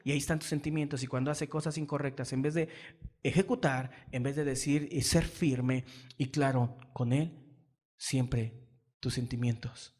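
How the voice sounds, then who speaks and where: A man preaching a sermon, swinging between loud, emphatic stretches and low, quiet ones. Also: fairly even intonation, normal speed.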